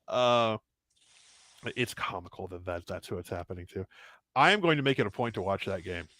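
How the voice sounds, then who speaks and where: A man chats as a guest on a sports show, his voice fairly low and his sentences rambling and trailing off. The sound is dry and close, with no room echo. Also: expressive, fairly quick. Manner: rambling, laughing, trailing off quietly. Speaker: guest panelist. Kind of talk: casual sports chat.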